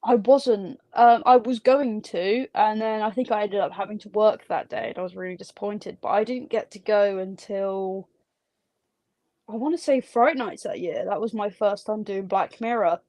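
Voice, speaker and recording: A woman's voice: mid-range voice, normal speed, darkish tone, no echo. Chatty woman guest in a dry studio. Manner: chatty, candid. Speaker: theme park ride operator, guest. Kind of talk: casual interview chat.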